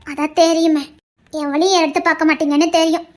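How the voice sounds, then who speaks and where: A woman's voice: high-pitched, little pitch movement, brisk, darkish tone, close to an everyday voice. A woman voicing a stubborn, loving young wife in an audio drama, talking earnestly and insistently. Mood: devoted, pleading.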